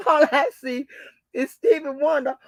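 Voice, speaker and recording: Recorded cleanly in a studio with no room sound, a woman with a high, hoarse voice speaks at a measured pace and steady tone. As host of a casual gossip channel, she cackles, swears freely and calls listeners baby and honey.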